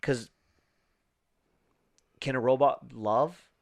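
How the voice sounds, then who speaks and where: A man's voice: mid-range voice, steady tone, drawn-out words, creaky. A man co-hosting a movie podcast, talking enthusiastically and rambling with frequent restarts. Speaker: podcast co-host. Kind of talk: casual movie review chat.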